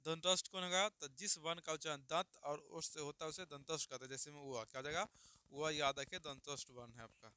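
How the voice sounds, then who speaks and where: Male grammar teacher, bright and crisp, drills letters aloud and asks and answers his own questions. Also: a little high, fairly even intonation, no room sound. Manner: repeats questions and answers them himself, calls listeners "babu"; sounds out letters slowly for students to copy. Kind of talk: classroom grammar lesson.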